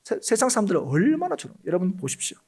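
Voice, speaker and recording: A man's voice: high-pitched, big pitch swings, quick pace, darkish tone, slightly rough. A male pastor preaching a Sunday sermon, emphatic and often calling out to the congregation. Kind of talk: Korean church sermon. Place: church sanctuary.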